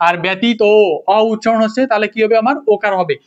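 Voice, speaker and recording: A man's voice: high-pitched, fairly even intonation, quick pace. A young man teaching a casual spoken lesson, asking his students the same questions again and again. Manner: repetitive, drilling questions to students. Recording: dull lo-fi recording.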